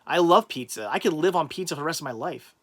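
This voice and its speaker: A man's voice: on the high side, animated, quick pace, fairly bright tone. A man hosting a casual livestream, reading chat comments aloud and rambling through answers with many restarts. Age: adult with a child.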